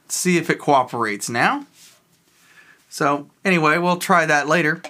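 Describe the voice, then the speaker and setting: Clicking through a software tool, a tech video host thinks aloud in a loose, rambling demo. The voice is mid-range and animated, delivered at a moderate pace.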